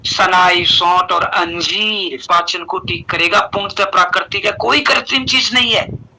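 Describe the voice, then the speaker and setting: High, sharp-voiced man giving a folksy pitch. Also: measured pace, a little hiss or hum, poor audio. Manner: folksy, animated, uses rhetorical questions and acted dialogue. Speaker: herbal product presenter. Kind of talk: persuasive sales talk to an audience.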